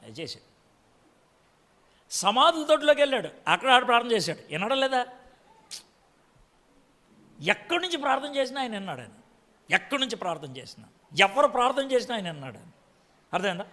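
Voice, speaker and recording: High-pitched preacher in a reverberant hall. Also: male voice, big pitch swings, brisk, pauses often, bright, forceful tone. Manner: rhetorical questions to the congregation, scolding. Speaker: pastor. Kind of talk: sermon.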